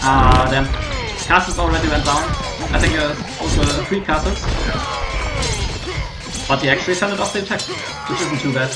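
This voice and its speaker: A man with a German accent giving live commentary on a strategy game as a streamer, in a conversational, slightly hesitant way. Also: a little high. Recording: roomy echo, music behind. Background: music.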